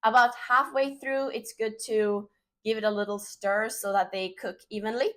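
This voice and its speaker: Chatting her way through a cooking demo in her own kitchen, a Swedish-accented woman, native to the language, keeps things loose and packed with fillers. She's a cooking show host who speaks at medium pitch and a moderate pace.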